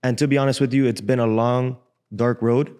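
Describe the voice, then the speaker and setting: A man in his twenties, born in Cuba and raised in Miami, speaking as a guest in a casual, frank interview in a podcast studio on a boom mic. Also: brisk, smooth. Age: 20s. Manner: relaxed, frank, casual slang. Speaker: guest trader. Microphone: desk boom mic.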